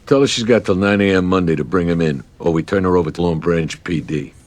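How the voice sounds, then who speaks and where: An actor playing a stern federal investigator, curt and deadpan, in a television crime drama. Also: male voice, sits low, quick pace, close to an everyday voice. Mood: dry, curt. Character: stern male federal investigator pressuring an informant.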